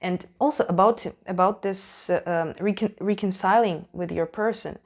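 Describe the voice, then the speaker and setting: A Ukrainian woman whose native language is Russian hosts a tarot reading on her channel, speaking with a Russian accent in a mid-range voice. Her casual delivery is halting and emphatic as she searches for words.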